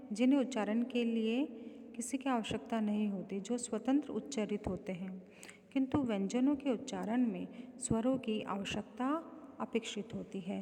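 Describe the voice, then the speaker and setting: A woman teaching Sanskrit grammar to students, speaking slowly and deliberately and spelling out syllables one by one. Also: on the high side, dark tone. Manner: addresses students directly. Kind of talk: recorded grammar lecture. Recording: long reverberant room echo.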